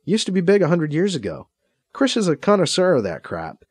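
A man voicing a sharp-tongued, no-nonsense female scientist in an audiobook, brisk and dismissive. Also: fairly high pitch, wildly swooping pitch, slightly rough, no room sound, clean studio sound, pitched above the performer's own voice, exaggerated voice. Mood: scornful.

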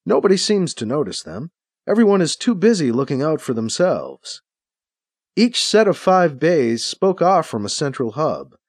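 A man narrates a science-fiction audiobook in a steady, storytelling manner. His voice sits a little high for a man. The pitch moves in a lively, animated way through each sentence. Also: moderate pace, no echo, clean studio sound.

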